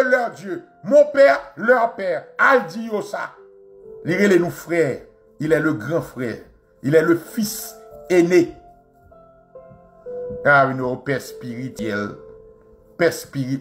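This radio host, a man with a Haitian Creole accent, mocks and rails with real passion in his monologue. Phrases get repeated, and his delivery lurches between booming outbursts and quiet asides.

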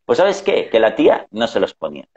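A man's voice: lowish voice, wildly swooping pitch, a little fast, darkish tone. A middle-aged man telling family anecdotes in casual conversation, acting out the voices he quotes. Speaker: guest. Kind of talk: conversational storytelling. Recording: dull lo-fi sound.

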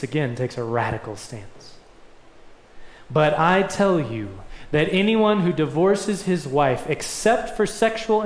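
A young pastor preaches at a lectern with earnest emphasis, driving his points home in rising swells. His voice is fairly high for a man, and the lectern mic picks up the echo of a spacious church sanctuary.

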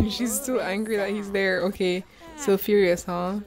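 A woman's voice: mid-range voice, darkish tone. A woman gaming YouTuber giving chatty, giggly let's-play commentary, bossing her characters around.

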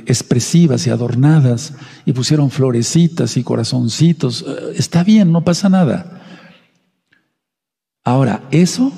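A zealous preacher man delivers his sermon with passion, now and then mimicking the people he argues against. His voice is very dark and somewhat husky. It rings out with a long reverb, as if spoken in a large hall. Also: mid-range voice. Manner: impassioned preaching, quoting others in mocking voices. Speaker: Messianic pastor.

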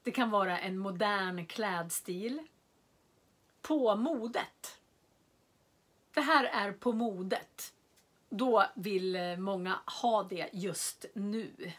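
A woman teaching a beginners' language lesson, speaking slowly and clearly and repeating single words to model their pronunciation. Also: medium pitch, fairly bright tone. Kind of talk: slow, carefully enunciated lesson for beginners.

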